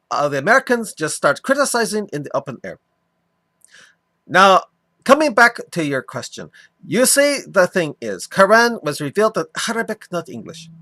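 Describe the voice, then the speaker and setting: Earnest Pakistani man who lectures, mock accent, lively high voice, put on by a man. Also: no echo, full character voice. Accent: mock foreign accent.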